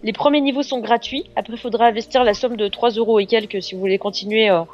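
A woman co-hosting a casual chat, upbeat and quick to laugh. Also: a little high, steady tone, darkish tone. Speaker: co-host, game reviewer. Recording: slightly muffled, faint music behind.

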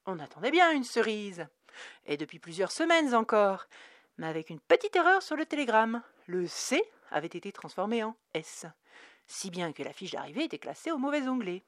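A woman's voice: mid-range voice, no echo. Woman reading a story, dry and close. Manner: measured, expressive storytelling. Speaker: narrator. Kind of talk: audiobook reading.

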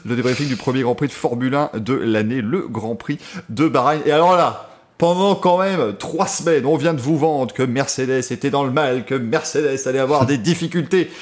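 A man with a French accent hosting a casual motorsport podcast, animated and laughing often between many fillers. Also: mid-range voice, moderate pace. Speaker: podcast host.

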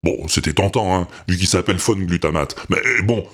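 A man hosts a podcast in a chatty, teasing manner. His voice is low and a little husky. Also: normal speed. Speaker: podcast host. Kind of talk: casual podcast announcement.

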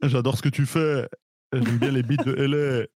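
A man hosting a live improv show, explaining in a relaxed, rambling way with lots of fillers. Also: medium pitch, normal speed, no echo, studio quality.

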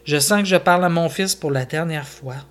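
A man reading the part of a frail, elderly mother gently pleading with her son in an audio story. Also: a little high, moderate pace, natural voice. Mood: tender.

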